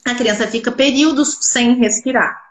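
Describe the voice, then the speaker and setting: This interview features a woman speech therapist, nasal from a cold, speaking at a moderate pace in a slightly high voice. She answers her own rhetorical questions while explaining, and the recording has a roomy echo.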